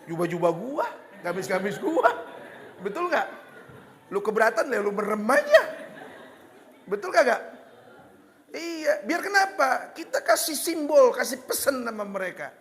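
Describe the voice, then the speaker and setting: A man with a Betawi accent preaching a lively, joking sermon, slipping into Betawi slang. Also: extremely high pitch, measured pace, long pauses, big-room sound. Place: hall with religious gathering.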